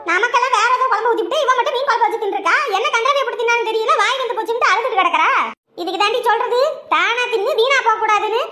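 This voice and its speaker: A woman in a village comedy skit playing a sharp-tongued mother-in-law who nags and scolds. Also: very high-pitched, racing, reverberant. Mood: scolding. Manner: nagging and scolding.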